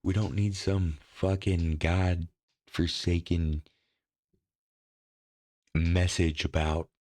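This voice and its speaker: A man's voice: low-pitched, flat delivery, extremely slow, darkish tone, no echo. A man hosting a casual horror talk show, ranting in a profane, rambling, exasperated way. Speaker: podcast host.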